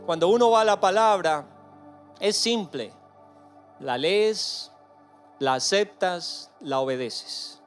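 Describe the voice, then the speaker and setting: A man preaching a sermon in earnest, slowing and softening on key phrases. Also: high-pitched, animated, soft background music. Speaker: pastor.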